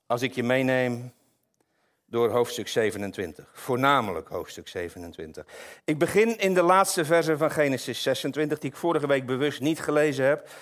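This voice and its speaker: A man delivers a sermon to his congregation. He reads the scripture passage aloud, then breaks off into lively, explanatory asides. His voice sits at an ordinary middle pitch for a man. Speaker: preacher. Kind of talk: sermon with Bible reading.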